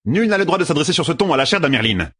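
A man voicing an indignant, protective woman attendant in an audiobook, his husky voice raised in reproof. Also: fairly high pitch, very animated, rapid-fire, bright, forceful tone, voice pushed up, exaggerated voice.

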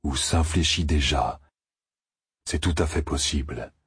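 A man voicing a patient, gentle giant male Ogier in an audiobook, calm and kindly. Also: a bass voice, a little slow, breathy edge, no room sound, clean studio sound, heavily acted. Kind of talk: audiobook character reading.

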